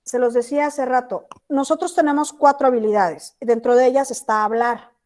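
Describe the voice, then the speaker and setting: A high-voiced woman teacher from Chiapas, Mexico, gives an online class lecture over a video call. She keeps checking whether her students are following along. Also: steady tone, fairly quick, a little mellow. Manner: checks in often with students, asking "¿sí?".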